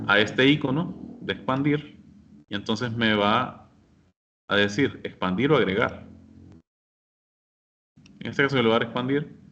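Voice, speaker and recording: A man teaching a software class, explaining each step patiently and speaking directly to his students. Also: mid-range voice, dull audio, a little hiss or hum. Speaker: instructor. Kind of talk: screen-share software lesson.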